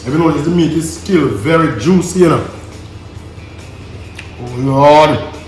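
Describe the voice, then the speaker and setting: A man's voice: fairly high pitch, lively intonation, a little fast, a little mellow. A man with a Jamaican accent hosting a casual cooking demonstration in an exclamatory, savouring way, often repeating words for emphasis. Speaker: cooking show host. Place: indoor kitchen. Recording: echoey room, music behind.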